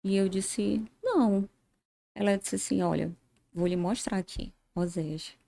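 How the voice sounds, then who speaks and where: A woman tells her own story as a podcast guest, earnest and steady. Her voice is mellow and warm, and she acts out the lines of people she remembers. Her pitch sits in the middle for a woman. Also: measured pace, creaky. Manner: earnest storytelling, often acting out remembered dialogue. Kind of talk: personal testimony in an interview.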